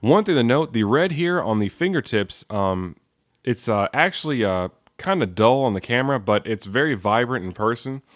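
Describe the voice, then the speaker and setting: Male toy reviewer, mid-pitched, eager and chatty with lots of ums, dry booth-like sound. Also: animated, moderate pace, no room sound. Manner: enthusiastic, repeats praise words, frequent ums. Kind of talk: casual product review.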